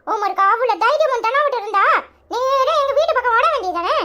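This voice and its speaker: A performer puts on a cocky young village man in a cartoon comedy, speaking with a Tirunelveli Tamil accent. His voice is pushed very high and swoops all over as he jeers and dares the other side. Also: lively intonation, brisk, pushed and bright, full character voice. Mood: defiant. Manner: taunting, jeering.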